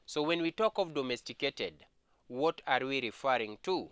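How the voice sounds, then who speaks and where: A man with a Kenyan English accent teaching an exam revision history lesson, speaking slowly and repeating key points. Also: medium pitch, animated, fairly bright tone, clean tone, dry recording.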